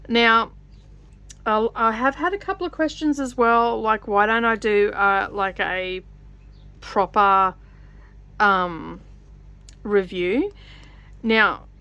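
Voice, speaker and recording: A woman chatting casually as she stitches, wandering from point to point with lots of fillers and restarts. Her pitch sits in an ordinary middle range, and every so often she breaks off to count stitches. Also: a bit bright. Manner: rambling, with many fillers and restarts. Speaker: vlogger. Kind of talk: casual chat while stitching.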